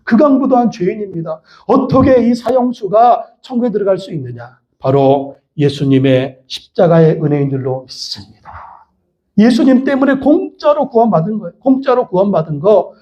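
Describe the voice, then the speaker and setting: A male pastor with a high yet mellow voice delivers an emphatic sermon, repeating phrases and firing off rhetorical questions at the congregation. It sounds like a dull, lo-fi recording of a church service. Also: expressive, normal speed. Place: church worship hall.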